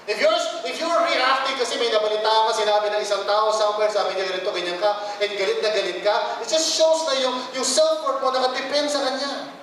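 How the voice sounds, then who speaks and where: A Filipino man preaching in a high, light voice, switching between English and Filipino and putting on quoted voices. He sounds far from the mic, in a big church hall with heavy echo and faint noise behind him. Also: a little fast, few pauses, fairly bright tone. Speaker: pastor. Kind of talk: sermon.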